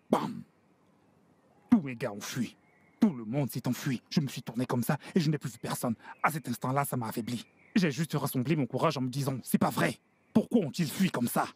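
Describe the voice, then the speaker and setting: An actor playing a domineering, indignant street gang boss in a dubbed film drama, scolding emphatically. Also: male voice, medium pitch, husky, no room sound. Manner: scolding, emphatic, repeats himself.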